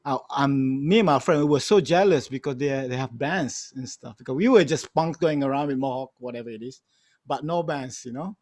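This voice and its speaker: A guest storyteller and music archivist, middle-aged and Malaysian-accented, shares anecdotes on a panel in an emphatic, casual way, full of repeated phrases and "you know." He speaks fairly quickly in a mid-range, slightly mellow voice. The sound is clean studio audio with no room sound.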